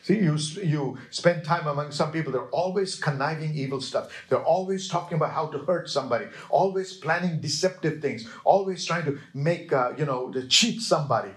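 A man preaching a sermon with emphasis, quoting scripture and checking in with his listeners. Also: on the high side. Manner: emphatic, slow, with call-and-response checks to the listeners.

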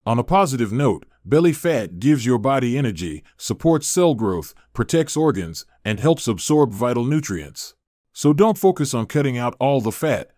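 A man reading a scripted narration about exercise in an even, informative way. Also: medium pitch, dry recording, studio quality.

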